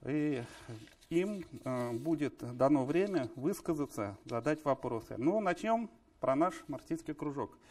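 Male panel host, slightly high pitch, halting and filler-heavy. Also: animated, darkish tone. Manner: hesitant, many drawn-out filler sounds. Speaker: discussion club moderator. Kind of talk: hosting a live panel discussion.

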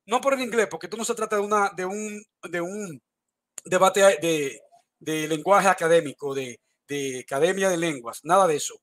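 A man with a fairly high voice argues hard in an online debate. He throws out challenges, accuses his opponent and repeats his points again and again. He talks over what sounds like a video call. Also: normal speed, fairly bright tone.

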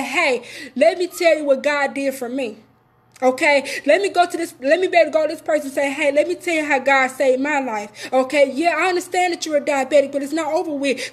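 Woman, prophet, high voice, emphatic repeating sermon testimony. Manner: emphatic, repeats phrases, addresses viewers directly. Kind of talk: sermon-style testimony on a live video.

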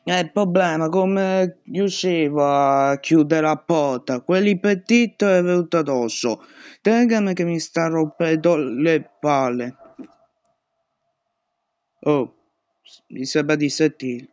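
A man's voice: fairly high pitch, slow, dry recording, lo-fi sound. A young man commentating a horror game, panicking and swearing at every scare. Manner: panicky, swearing and shouting at jumpscares. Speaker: gaming youtuber.

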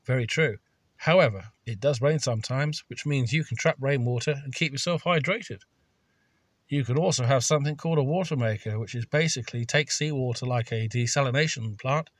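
A man's voice: mid-range voice, no echo. A man reading a scripted voice-over with dry, sardonic humour. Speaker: video narrator.

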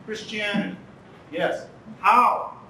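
This earnest conference talk comes from a Canadian man from Toronto, lecturing slowly at a podium in a large indoor banquet hall and repeating key lines for emphasis. His high-pitched voice is steady, creaky, pushed and bright. The podium mic sits some distance off, so the hall echoes and there's a little hiss or hum.

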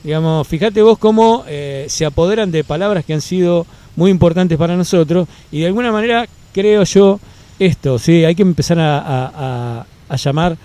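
A man with a Rioplatense Argentine accent talks in an outdoor park, his voice a touch high yet warm and soft-edged. He speaks in a measured way, restarting and filling gaps, then presses his points in firm series. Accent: Rioplatense Spanish. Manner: measured, many fillers and restarts, emphatic lists. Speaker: interviewee. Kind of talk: political interview answer. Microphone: handheld mic held by interviewer.

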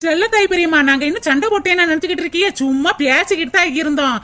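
Woman doing a cartoon daughter-in-law, high voice, quick and mocking. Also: sharp tone. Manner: fast and mocking. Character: sharp-tongued daughter-in-law bossing her mother-in-law. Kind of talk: cartoon voice acting.

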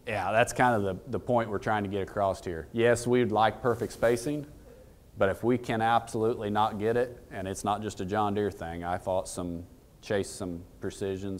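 A man's voice: lowish voice, fairly even intonation, moderate pace. A man in his thirties giving a casual technical talk to an audience in a conference room, plain-spoken and folksy, often asking the room questions. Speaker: equipment dealer presenter.

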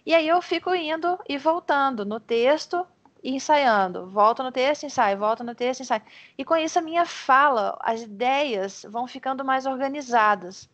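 Brazilian woman, English tutor on a video call; slightly high voice, talkative and encouraging, restarts sentences a lot. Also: moderate pace, a bit bright, dull audio. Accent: Brazilian Portuguese. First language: Portuguese. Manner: chatty, encouraging, explains with many restarts. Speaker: English teacher. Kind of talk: online tutoring lesson.

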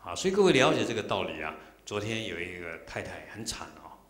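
A middle-aged male monk tells personal stories in an emotional dharma talk and acts out each exchange. His voice sits low, and it echoes through a temple hall. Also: big pitch swings, fast talker, a bit bright. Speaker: Buddhist monk. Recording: roomy hall echo.

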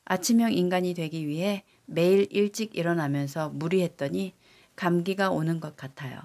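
Reading language-lesson sentence drills very fast, this AI-generated female voice has a fairly low pitch. The repeated lines are still delivered in an even, careful way.

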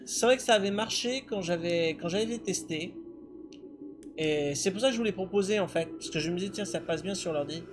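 High-voiced man streaming, music behind. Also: a little fast. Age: middle-aged. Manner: rambling, self-deprecating. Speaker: game streamer. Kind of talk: casual live-stream chat. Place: indoor home streaming setup.

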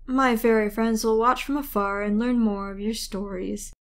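A woman's voice: fairly high pitch, fairly even intonation, moderate pace, close to an everyday voice. Brief: sly sing-song male fairy host, coaxing and playful, read by a woman narrator.

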